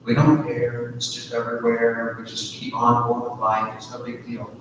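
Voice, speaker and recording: A man's voice: medium pitch, monotone, moderate pace, noisy background. A man teaching a sermon to a men's group, storytelling in a conversational way with frequent fillers. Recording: echoey hall, distant mic.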